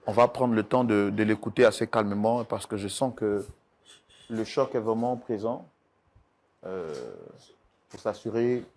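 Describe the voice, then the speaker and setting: A man hosting a talk show as mediator, firmly and gently calming a distressed guest with repeated requests. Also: lowish voice. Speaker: mediator host.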